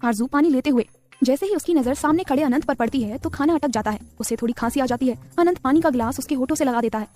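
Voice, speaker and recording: A woman with a high voice narrates a scripted romance story at a brisk clip. Her storytelling is quick and steady, and faint background music runs underneath the whole reading.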